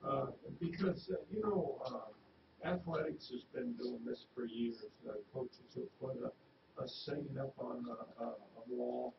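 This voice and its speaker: A man on a school board asking questions at a public meeting, halting, with many uhs and restarts. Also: medium pitch, gravelly. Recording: echoey, dull sound from a distant mic with noise.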